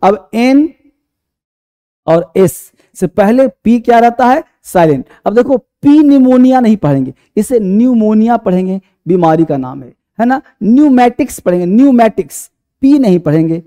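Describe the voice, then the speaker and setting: A man's voice: high-pitched, animated, moderate pace, warm tone. A man teaching a class, who quizzes the students, answers his own questions and repeats each point, calling students by affectionate terms. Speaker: English teacher.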